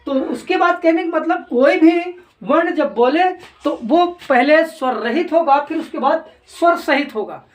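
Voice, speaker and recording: A woman teacher giving a grammar lesson, speaking deliberately and answering her own repeated questions. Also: high-pitched, expressive. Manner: slow, repetitive, keeps asking and answering her own questions. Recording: echoey room, voice from a distance.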